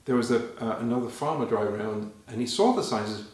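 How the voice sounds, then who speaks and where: A man performing a story live for children, animated and talking to them directly, halting and repeating phrases as he goes. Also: mid-range voice. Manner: animated, addressing children with questions. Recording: very echoey, reverberant room.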